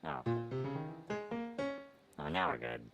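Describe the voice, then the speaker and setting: A man talking through a robot voice filter in casual chat, muttering and swearing at his gear while setting up a live show. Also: slow. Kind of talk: casual chat during tech setup. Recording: robot-filtered mic with music behind. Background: piano playing.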